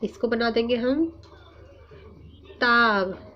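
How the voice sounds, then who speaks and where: Slow, patient woman teaching small children. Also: on the high side. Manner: slow, drawn-out sounding of letters and words; patient, coaxing questions to children. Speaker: Urdu teacher. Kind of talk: online class for young pupils. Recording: muffled lo-fi sound, faint hum.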